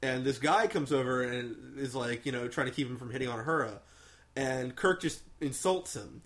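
Reviewing movies in a casual podcast chat, a man speaks at a moderate pace in a medium-pitched, slightly bright voice. He's enthusiastic, frequently restarting and using fillers.

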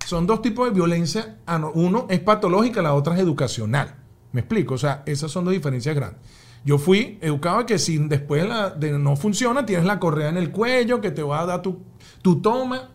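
A man, a father and podcast guest, telling a personal story in an emphatic, animated way, acting out the shouts he describes. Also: sits high, brisk. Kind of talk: conversational storytelling.

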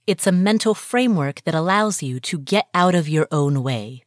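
A woman from Nepal hosting a podcast, introducing a guest and chatting in a lively, clear storytelling manner. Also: low voice, normal speed, no echo, studio quality. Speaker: podcast host. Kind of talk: podcast interview.

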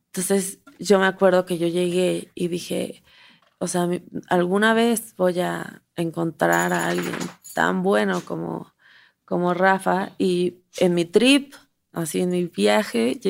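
Gravelly low-voiced Mexican woman. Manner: animated storyteller, acts out quotes, laughs often. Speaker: podcast guest, stand-up comedian. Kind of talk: casual storytelling interview.

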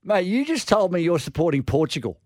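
A man's voice: high voice, sing-song, fairly quick, a little mellow, no echo, studio quality. An Australian man co-hosting sports radio, chatting casually in a hesitant, joking way. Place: radio studio.

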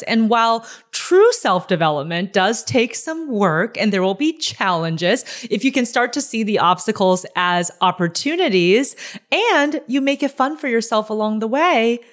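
A woman hosting an interview podcast, talking in an enthusiastic, encouraging way as she wraps up and gives advice. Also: medium pitch. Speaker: podcast host.

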